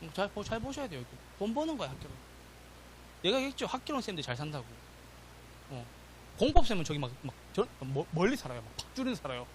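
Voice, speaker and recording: A middle-aged man teaching an exam-prep class, lively and constantly checking that students follow. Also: high voice, quick pace, slight background noise. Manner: animated, checks in with "맞죠?" and "됐죠?", acts out quotes. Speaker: real estate exam lecturer. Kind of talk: classroom lecture.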